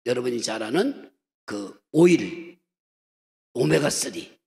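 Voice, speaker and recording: A man's voice: medium pitch, big pitch swings, slow, creaky, darkish tone. A man in his sixties preaching a humorous revival sermon in a church, joking and slipping into dialect impressions. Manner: joking storyteller who slips into dialect impressions. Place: church sanctuary. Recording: long church-hall reverb.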